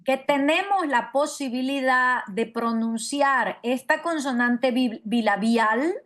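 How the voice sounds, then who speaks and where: Slow, demonstrative woman teacher. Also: high voice, a bit bright. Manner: demonstrative, repeats syllables and checks understanding often. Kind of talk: online phonetics lecture.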